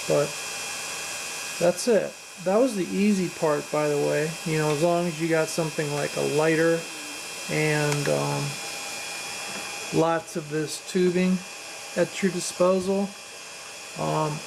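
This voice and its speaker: A woman with a low, gravelly voice talks through a hobby build in a casual, unscripted way. She is hesitant and modest about her own work, and a machine hums clearly behind her. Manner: hesitant, self-deprecating, apologetic. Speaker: hobbyist presenter of a drone build. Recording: clear machine noise in background. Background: machine noise.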